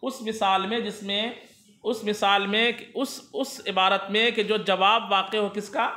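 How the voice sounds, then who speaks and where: Male grammar teacher, keeps quizzing the class, sharp bright tone. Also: high voice, flat delivery, unhurried, roomy sound. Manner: asks students questions and answers them himself. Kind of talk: classroom lesson explaining a text.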